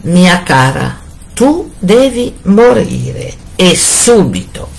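A woman voicing a cruel, furious husband who shouts his threats slowly and heavily. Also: on the low side, huge pitch swings, creaky, voice pushed up, full character voice. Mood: cold. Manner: shouting threats, slow and heavy.

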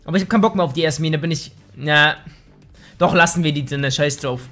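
High-voiced, excitable young gamer guy. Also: brisk, faint music behind. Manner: excitable, swearing, often annoyed; slangy, says "Alter" a lot. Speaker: let's play gamer. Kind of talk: live gameplay commentary. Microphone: gaming microphone.

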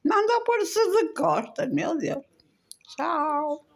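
Seated at the table in her dining room at home, an older home vlogger with a European Portuguese accent chats fondly and loosely to viewers, recorded on a handheld phone amid clinking cutlery and dishes. Her voice is very high with big pitch swings, slow, and has vocal fry.

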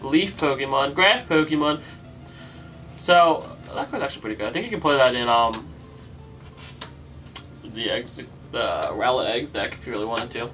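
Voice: medium pitch, expressive, moderate pace, pauses often, a bit bright, far from the mic, soft background music. A YouTube host opening card packs in casual commentary, listing card names one by one and groaning at weak pulls.

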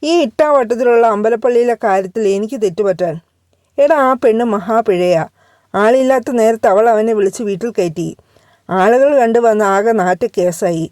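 A woman's voice: on the high side, moderate pace, darkish tone, no echo, clean studio sound, natural voice. Woman doing a sly, scheming storybook mother. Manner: sly, scornful gossip. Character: scheming middle-aged mother, sly and gossipy.

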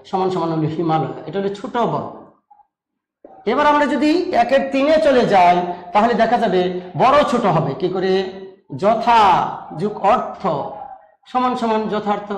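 A man with a fairly high voice gives a step-by-step grammar lesson. He poses questions to the class and answers them himself. The sound is roomy and echoey. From Bangladesh. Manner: patient explaining, asks rhetorical questions, chants rhymes. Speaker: teacher.

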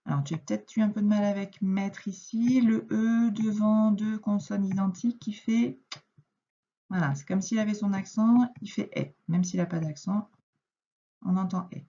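A woman teaching young children to read, speaking slowly and clearly with stretched words, in a French accent. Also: medium pitch, mellow. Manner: slow, clear, patient explaining with stretched words. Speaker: primary school teacher. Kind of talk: reading lesson for young children. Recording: dull, lo-fi home recording.

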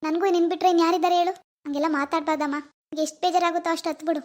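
A woman doing a caring cartoon mother with a very high voice that moves quickly. She coaxes and comforts her daughter gently. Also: steady tone. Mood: comforting.

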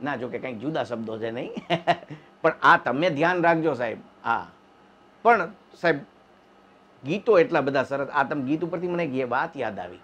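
A man telling jokes in an animated stand-up comedy monologue. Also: slight background noise. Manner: animated storytelling, wife voices in high falsetto. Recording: dull lo-fi sound.

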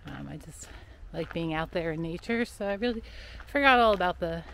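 A woman's voice: lowish voice, animated, fairly quick, creaky, fairly bright tone, slight background noise. A middle-aged woman with an American accent chats casually as a running vlogger, speaking into a camera held at arm's length. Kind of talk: casual vlog chat. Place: on location at trails outdoors or in a parked car. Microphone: handheld camera at arm's length.

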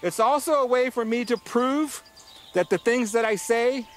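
A middle-aged man chatting in a relaxed, rambling way outdoors. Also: very high-pitched, moderate pace, slight background noise. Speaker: interviewee. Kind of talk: casual outdoor conversation.

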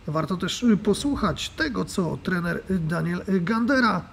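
A man's voice: sits high, lively intonation, a little slow, gravelly, fairly bright tone, slightly rough. A man narrating a voice-over report on a football friendly, with frequent "e" fillers. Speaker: sports commentator.

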